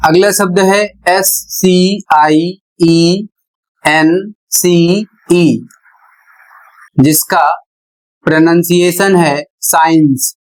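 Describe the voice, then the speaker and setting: A male teacher giving a classroom-style lesson, deliberate and spelling things out letter by letter with pauses. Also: a little high, rough recording.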